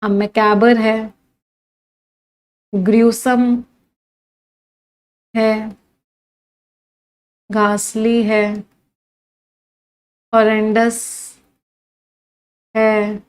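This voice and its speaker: A woman's voice: on the high side, flat delivery, drawn-out words, long pauses, low-quality recording. Indian woman teaching English vocabulary. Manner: lists words one by one, quizzes students. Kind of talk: online vocabulary lesson.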